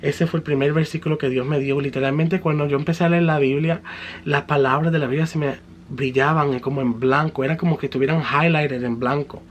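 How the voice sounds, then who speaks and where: A man's voice: a little high, steady tone, a little fast, lo-fi sound, slight background noise. Fervent man telling his testimony. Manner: earnest, fervent storytelling mixing in English words. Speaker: person giving a religious testimony. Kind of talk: personal testimony storytelling.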